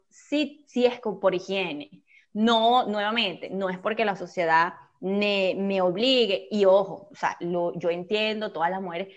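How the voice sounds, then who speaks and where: A woman's voice: medium pitch, a bit bright. A woman with a Venezuelan Spanish accent, chatting casually and frankly as a co-host with laughing asides. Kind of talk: casual chat. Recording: dull lo-fi recording.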